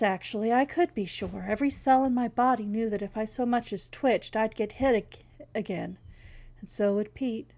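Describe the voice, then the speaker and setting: A woman reading a first-person short story aloud in a steady, wry storytelling manner. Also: medium pitch. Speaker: narrator.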